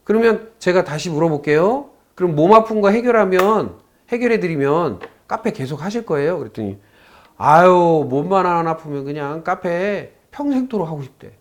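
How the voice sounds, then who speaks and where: A man's voice: sits high, lively intonation, normal speed. A man lecturing a class on saju fortune-telling. He tells a story by acting out both sides of a phone call and puts questions to his students.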